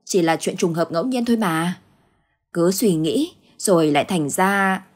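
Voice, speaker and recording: A woman voicing a brisk, scolding elderly village wife who brushes off her husband's worries. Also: on the low side, expressive. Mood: coaxing. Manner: scolding, dismissive.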